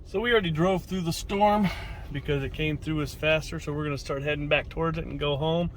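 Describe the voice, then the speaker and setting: A man's voice: a little high, fairly even intonation, brisk. A man casually narrating a vlog to viewers in loose fragments while he drives. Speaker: vlogger filming a storm chase while driving. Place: inside a moving car. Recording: loud vehicle and wind noise.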